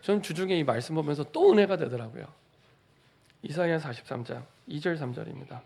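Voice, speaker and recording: A man's voice: a little high, expressive, fairly quick, creaky, darkish tone, husky. A middle-aged man, a pastor, giving a Sunday sermon in a church, repeating phrases for emphasis and asking the congregation rhetorical questions. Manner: repetitive, building emphasis. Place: church sanctuary.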